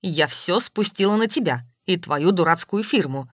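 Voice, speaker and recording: A woman voicing a capricious, quick-tempered wealthy woman in an audiobook. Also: animated, fairly bright tone, no echo, studio quality. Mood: angry. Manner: capricious and shrill.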